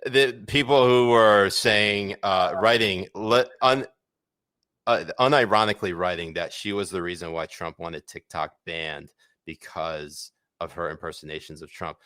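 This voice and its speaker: A man co-hosts a podcast, chatting casually and irreverently about the news and cracking crude jokes. His low-pitched voice is steady, unhurried and sharp, recorded clean with no echo.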